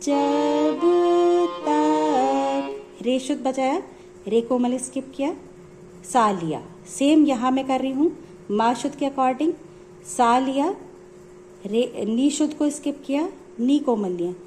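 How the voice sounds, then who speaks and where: A woman's voice: high-pitched, slow pace, pauses often, warm tone. A woman music teacher explaining notes step by step in a patient, repetitive way. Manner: patient, explanatory, repeats points.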